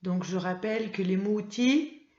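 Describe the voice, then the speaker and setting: A woman's voice: medium pitch, moderate pace, darkish tone. A woman teacher giving a reading lesson to young children, patiently spelling out letters and sounds. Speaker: primary school teacher. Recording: roomy, slightly dull sound.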